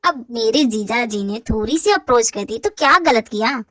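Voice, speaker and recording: A woman's voice: a little high, lively intonation, moderate pace, fairly bright tone, dry recording. A woman voicing several roles in a hobby audio drama, teasing and bantering. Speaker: fan-fiction voice actor.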